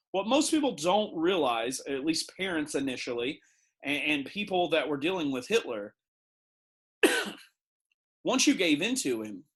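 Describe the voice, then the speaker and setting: A middle-aged man from the United States teaching a recorded history lesson, talking conversationally and using everyday analogies. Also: fairly high pitch.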